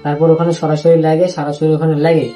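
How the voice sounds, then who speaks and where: A young man with a Rajshahi Bengali accent tells a personal story, stopping and restarting and repeating himself often. His voice sits slightly high for a man yet sounds dark and mellow. Faint music plays underneath. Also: level tone. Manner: halting and repetitive, with many restarts. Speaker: interviewee.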